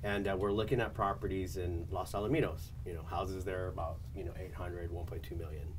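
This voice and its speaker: A man, a real estate agent, telling an anecdote on a studio panel show, lively and laughing as he acts out the people in it. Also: sits low, fairly quick, far from the mic, slight background noise. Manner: animated storyteller, laughs often, acts out quotes.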